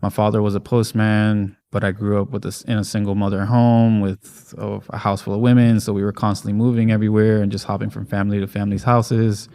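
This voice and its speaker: Man, low voice, flat delivery, muralist being interviewed, easygoing chatter. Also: quick pace, few pauses, clean tone. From Miami. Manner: relaxed, enthusiastic, rambling with fillers. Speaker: muralist guest. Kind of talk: casual interview.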